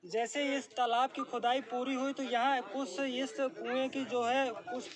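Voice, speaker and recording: Man with really high voice, village interview outside, crowd chatter all around. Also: flat delivery. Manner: formal wording, halting with fillers. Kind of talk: on-the-spot news interview. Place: outdoors at a village pond among a crowd. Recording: crowd noise around the speaker.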